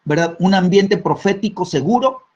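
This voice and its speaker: A man delivers a teaching sermon in a husky voice that sits a little high for a man. He keeps checking in with short tag questions and repeats words as he restarts his phrases. The recording is muffled and lo-fi. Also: animated, moderate pace, a little mellow. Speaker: preacher. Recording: dull lo-fi recording.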